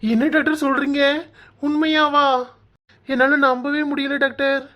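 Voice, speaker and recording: An earnest, emotional young husband in a cartoon voiced by a woman, his voice at a middle pitch. He thanks people over and over, gushing with gratitude. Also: fairly even intonation, moderate pace, highs cut off, close to an everyday voice. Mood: overjoyed. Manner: earnest, overjoyed. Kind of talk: cartoon voice acting.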